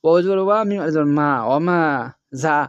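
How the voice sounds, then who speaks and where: A man with a clear, resonant, rather high voice teaches Quran reading, spelling out each letter and vowel sign in short chanted steps and explaining the reading rules. For the verses he slows into drawn-out, melodic recitation. The recording is dry and dull.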